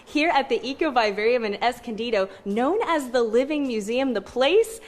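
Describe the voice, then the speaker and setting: A woman's voice: fairly high pitch, expressive, moderate pace. A woman TV reporter presenting a live animal feature.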